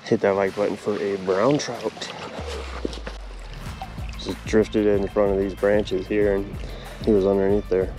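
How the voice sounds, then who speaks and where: Speaking unhurriedly and pausing often, a young fishing vlogger with a lowish voice chats casually while filming himself on a riverbank via head-mounted camera. Catches excite him, and fish strikes draw swearing. Music runs beneath his voice.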